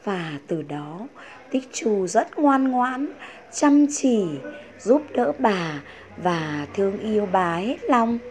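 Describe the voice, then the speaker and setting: Slow, expressive woman storyteller. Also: mid-range voice. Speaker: teacher telling a story. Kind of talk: children's storytelling.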